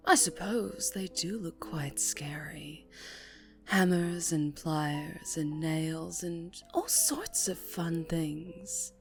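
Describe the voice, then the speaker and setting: Her voice low, this woman portrays a mafia boss who is both charming and dangerous, in an ASMR roleplay. The mood is menacing and relishing as she condescends and teases with hushed, possessive threat.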